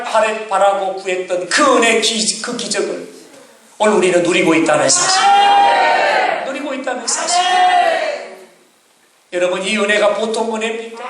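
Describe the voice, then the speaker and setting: Impassioned high-voiced preacher in an echoey hall. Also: male voice. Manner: impassioned preaching, shouting and drawing out words. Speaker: pastor. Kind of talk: sermon. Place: church sanctuary. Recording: echoey church hall from far off. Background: congregation.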